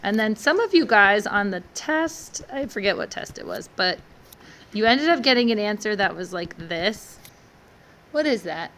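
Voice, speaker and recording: A woman's voice: mid-range voice, expressive, moderate pace, fairly bright tone, a little hiss or hum. A woman teaching math in a classroom, walking through each step and asking the class encouraging questions. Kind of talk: classroom lecture.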